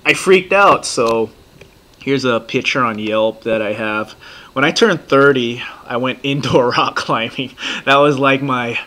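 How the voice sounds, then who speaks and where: A man in his thirties rambles through a casual reaction vlog, swearing freely and getting excitable. His voice is bright and sits at a middle pitch. He sounds like he is recording at his computer. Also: unhurried. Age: 30s. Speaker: vlogger reacting to a TV series.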